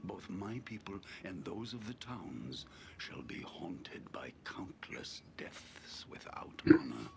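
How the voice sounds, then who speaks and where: Ancient raspy seer for a fantasy game, slow gravelly whisper, full of doom. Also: male voice, low voice, very animated, full character voice. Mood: grave, urgent. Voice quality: rasping, breathy half-whisper, gravelly. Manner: slow, solemn, portentous. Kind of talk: fantasy game role-play.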